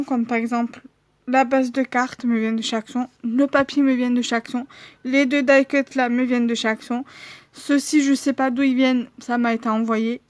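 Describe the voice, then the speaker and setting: A woman's voice: sits high, no room sound. A woman vlogger showing her handmade cards in a casual, hesitant way, with many fillers. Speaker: crafting vlogger.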